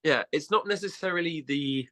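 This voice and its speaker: A man, a podcast guest chatting and telling stories in an animated way, often restarting sentences. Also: a little high, normal speed. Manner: animated storytelling with many restarts. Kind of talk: casual chat.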